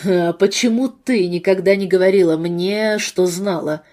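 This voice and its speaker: A woman voicing a bitter, wounded husband with a low, muffled voice in a read-aloud novel. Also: measured pace, lightly acted. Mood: hushed. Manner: bitter, hushed.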